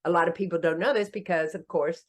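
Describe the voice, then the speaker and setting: A woman in her sixties, who writes and founded a company, rattles through her story fast in a casual podcast interview. She's animated and teases herself, laughing often with a pitch jump on every joke.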